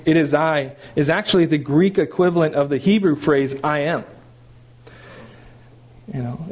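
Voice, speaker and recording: A middle-aged man preaching a sermon, emphatic and animated, with rhetorical questions and small restarts. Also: a little high. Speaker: pastor.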